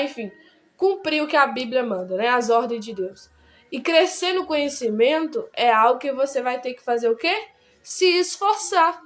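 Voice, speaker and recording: High-voiced woman teaching the Bible casually. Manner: chatty, repeats words, many tag questions.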